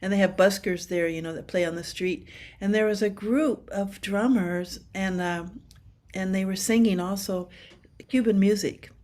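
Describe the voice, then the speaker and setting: Her voice is medium-pitched and darkish, with a steady tone and moderate pace. She's a Washington state percussionist in her seventies, laughing often as she chats animatedly on a video call for a casual interview.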